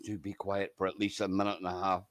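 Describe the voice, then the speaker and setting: A man's voice: low voice, monotone, fast talker, a bit bright, dry recording, clean studio sound. A man who is a guest on a gaming stream panel, chatting and joking casually. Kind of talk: casual voice chat.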